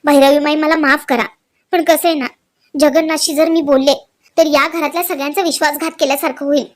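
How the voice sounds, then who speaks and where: A gentle young daughter-in-law, anxious and pleading, read by a woman. Her voice is high, and she speaks with worried earnestness. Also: fairly even intonation, a little fast, close to an everyday voice. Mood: explaining. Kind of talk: dramatized serial recap reading.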